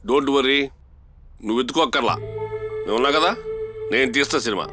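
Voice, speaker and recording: An actor playing an enthusiastic film producer who speaks expressively. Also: male voice, medium pitch, fairly quick, music in the background, lightly acted. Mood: enthused. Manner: lively, expressive. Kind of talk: comic film acting.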